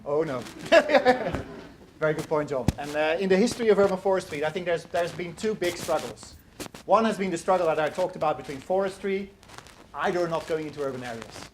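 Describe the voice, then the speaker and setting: Speaking quickly in a somewhat high voice, this middle-aged lecturer handles an academic talk and audience questions. He stays earnest, repeating and restarting words mid-thought while hunting for the right phrase, over clearly audible hall noise.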